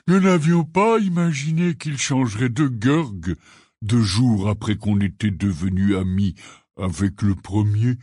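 A gruff, kindly half-giant gamekeeper, read by a man spins a rambling, earnest tale in an audiobook. The voice sits low and husky, with a dark, mellow color. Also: no room sound, clean studio sound, full character voice. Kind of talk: audiobook character reading.

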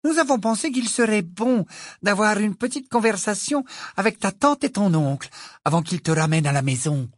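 A man voicing a calm, gentle male wizard who speaks kindly but firmly. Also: sits high, takes it slowly, few pauses, no echo, clean studio sound, pitched above the performer's own voice.

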